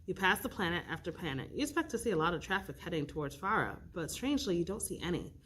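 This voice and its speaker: A woman's voice: fairly low pitch, quick pace, slight background noise. Woman reading a storybook aloud. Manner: expressive, with slips and restarts, rolling dice for choices. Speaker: youth librarian reading aloud.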